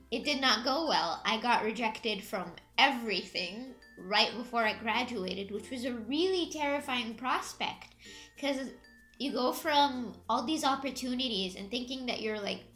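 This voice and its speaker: Bright upbeat young woman vlogger. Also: a little high, measured pace. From Egypt. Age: 20s. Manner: chatty, upbeat, laughs often. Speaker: YouTuber. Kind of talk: casual vlog storytelling. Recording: music faintly behind.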